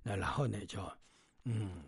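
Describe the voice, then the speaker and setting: A man retelling a classic tale with a gravelly, husky voice. His pitch moves a lot, and he talks in a chatty way with many hesitations. The sound is dry and close, with no room echo. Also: expressive, moderate pace. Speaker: storyteller. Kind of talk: casual storytelling narration.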